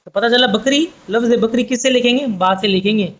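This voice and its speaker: High-voiced man teaching a patient lesson. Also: a little fast, fairly bright tone. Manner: patient, repetitive explaining, addresses viewers as friends. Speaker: Urdu teacher. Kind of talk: online language lesson. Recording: dull lo-fi sound.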